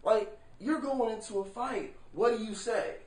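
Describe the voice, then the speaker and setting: A man talking to the camera in a casual vlog monologue, animated and rhetorical, swearing freely and checking in with the viewer. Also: high voice, unhurried. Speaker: vlogger. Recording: echoey room, far from the mic.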